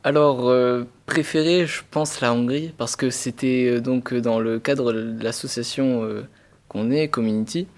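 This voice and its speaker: A sixteen-year-old boy talks about his travels. His voice is of middle pitch, and he stops often on fillers. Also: steady tone, measured pace, darkish tone. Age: teen. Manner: hesitant, many fillers. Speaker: high school student.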